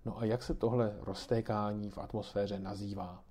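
A man's voice: fairly low pitch, flat delivery, dark tone, close to an everyday voice. A man reading aloud and voicing a kindly grandmother who patiently explains things to children. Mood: patiently explaining.

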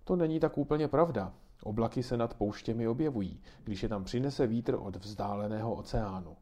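A man's voice: lowish voice, warm tone, close to an everyday voice. A man reading aloud and voicing a kindly grandmother who patiently explains things to children. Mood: patiently explaining.

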